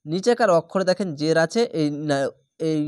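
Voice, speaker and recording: A man's voice: sits high, darkish tone, clear, resonant tone, no echo, clean studio sound. Bengali-accented man teaching Quran reading. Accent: Bangladeshi Bengali. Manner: explains rules plainly, then chants slow drawn-out recitation examples. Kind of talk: spelled-out Quran recitation lesson.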